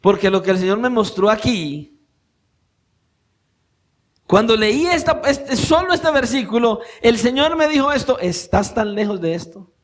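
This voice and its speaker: High-voiced man preaching a sermon. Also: animated, measured pace, long pauses. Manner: swings between raised emphatic preaching and quiet intimate asides; asks the congregation direct rhetorical questions. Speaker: pastor. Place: church.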